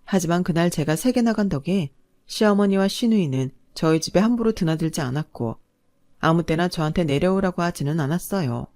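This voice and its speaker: A woman's voice: on the low side, lively intonation, fairly quick, a little mellow. A woman narrating a first-person family story with an indignant, emphatic manner.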